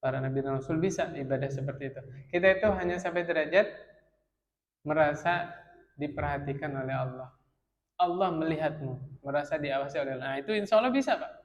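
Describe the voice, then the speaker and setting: A male preacher, giving a sermon in a mosque study circle, calling his listeners "Pak", asking them questions, and swinging from loud, emphatic rises to quiet, drawn-out phrases. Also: fairly high pitch, highs cut off. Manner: addresses listeners as Pak, asks rhetorical questions; chants Arabic verses slowly. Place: mosque hall. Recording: long hall reverb.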